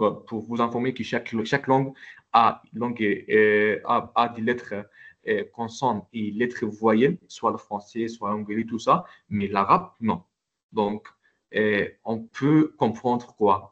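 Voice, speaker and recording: A man's voice: mid-range voice, muffled recording. A man teaching an Arabic alphabet lesson in French, talking in a hesitant way with many fillers and restarts.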